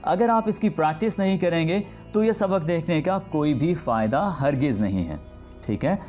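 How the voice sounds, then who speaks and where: A man teaching English pronunciation, repeating each example word slowly and deliberately. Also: fairly high pitch, animated, darkish tone, soft background music. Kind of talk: spoken pronunciation lesson.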